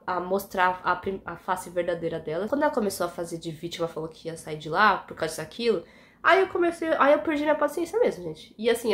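A young Brazilian woman with a Brazilian Portuguese accent, telling a workplace story in a chatty, indignant vlog, dropping frequent asides to her viewers. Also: on the low side. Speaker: vlogger.

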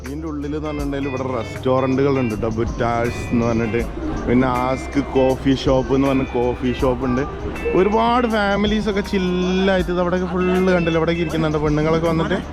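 Higher-voiced man vlogging in mix. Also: fast talker, over loud music. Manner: Malayalam mixed with English words. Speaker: family vlogger. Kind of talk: casual family vlog chat, addressing viewers and children. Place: outdoors at a busy zoo park.

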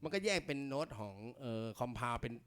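Relaxed man teaching bass. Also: quick pace, background noise. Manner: relaxed, counts beats aloud between playing. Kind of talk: casual music lesson. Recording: loud bass playing behind. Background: bass guitar.

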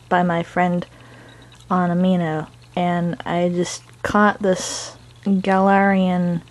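A woman with a medium-pitched, darkish voice presents her own amateur comic dub, chatting in a goofy, playful way. She is an amateur dubber and artist who rambles casually over her drawings and keeps interrupting herself.

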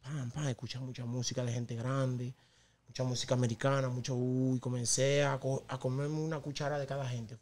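A man's voice: mid-range voice, a little fast. A man with a Dominican Spanish accent, telling stories as a guest in a casual podcast chat. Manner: storytelling, animated when laughing with the hosts. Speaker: guest rapper.

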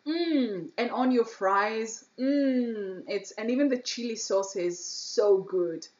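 A woman's voice: fairly high pitch, slow, darkish tone, lo-fi sound. A woman with a Kenyan accent giving casual, effusive vlog commentary and explaining street food as a guide.

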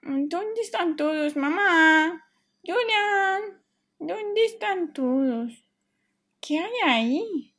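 A woman voicing a sleepy, whiny little girl in a children's toy play story, in a high, squeaky childlike voice. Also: animated, drawn-out words, fairly bright tone, full character voice. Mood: sleepy, puzzled.

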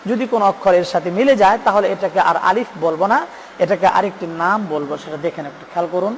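A man with a Bangladeshi Bengali accent teaching Quran pronunciation, patiently repeating letter names slowly for learners. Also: high-pitched, in a large hall, a little hiss or hum. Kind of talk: step-by-step pronunciation lesson.

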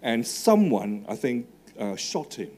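Slow and a little mellow, a middle-aged man's mid-range voice swings widely in pitch as he gives a live talk to students. He has a Hong Kong English accent, speaks Cantonese natively, and uses a handheld mic on the stage of a large marquee tent, talking conversationally with fillers and asking the audience questions.

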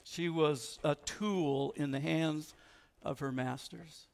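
A man's voice: on the high side, steady tone, slow, vocal fry, darkish tone. A man preaching a sermon as pastor in a church, talking conversationally and putting questions to the congregation. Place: church sanctuary. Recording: long church reverb.

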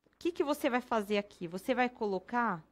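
Lively, playful Brazilian woman host. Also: fairly high pitch, brisk. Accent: Brazilian Portuguese. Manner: playful, chatty, hyped promo delivery. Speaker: craft teacher and host. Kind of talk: casual craft demo with sales pitch.

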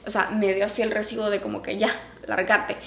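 A woman's voice: quick pace, vocal fry. Chatty mother vlogger, echoey room. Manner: animated, acts out quoted voices in a higher pitch. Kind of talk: casual storytelling to camera. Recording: echoey room with faint background noise.

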